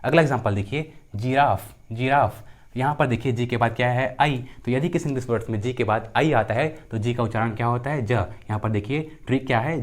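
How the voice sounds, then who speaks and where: Man drilling pronunciation rules. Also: mid-range voice. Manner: repeats rules and example words slowly, asks and answers his own questions. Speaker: English teacher. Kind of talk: pronunciation lesson.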